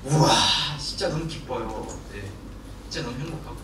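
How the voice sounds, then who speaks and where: A man's voice: medium pitch, brisk. Korean pastor guy preaching in a big echoey church, far from the mic, lots of noise. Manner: animated, laughing and shouting in bursts. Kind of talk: sermon. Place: church sanctuary. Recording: echoey hall from far off, noisy.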